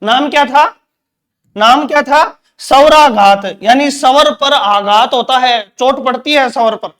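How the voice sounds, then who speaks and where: A man's voice: very high-pitched, unhurried, fairly bright tone. A man teaching Hindi grammar in an exam-prep lecture, repeating points and quizzing with rhetorical questions.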